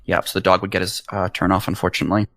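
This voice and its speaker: A man acting as game master, calmly explaining rules and narrating a tabletop fight in an easygoing way. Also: low-pitched, very fast, no echo. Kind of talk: running a tabletop game online.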